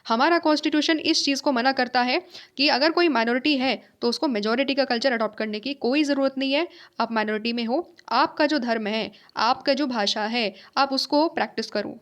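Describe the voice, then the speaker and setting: A woman with a high voice teaches a lesson. She explains by posing questions and answering them herself, repeating key ideas. She keeps checking that her listeners are following. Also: fairly quick. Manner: mixes in English phrases, checks understanding with tag questions. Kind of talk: classroom lecture.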